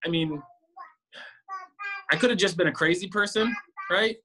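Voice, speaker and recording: A man's voice: sits high, moderate pace, pushed and bright, a little hiss or hum, poor audio. A man being interviewed, speaking earnestly and reflectively with frequent hesitations. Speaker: interview guest, stunt double. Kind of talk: casual interview chat.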